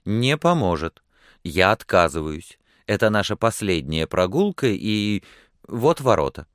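A man voicing a spirited, quick, proud young woman who talks emphatically in a storybook reading. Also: low voice, lively intonation, fairly bright tone, clear, resonant tone, dry recording, clean studio sound. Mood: protesting. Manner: emphatic, exclaiming.

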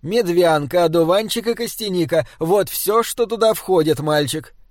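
A man's voice: a little high, a little slow, darkish tone, dry recording, studio quality, lightly acted. A man voicing a stern older healer woman who speaks curtly and with irritation. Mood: irritated. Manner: curt, irritated.

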